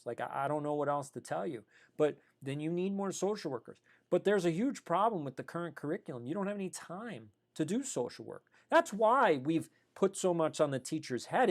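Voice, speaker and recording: A man who runs a school, giving an emphatic podcast monologue about teaching and repeating his key points. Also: on the high side.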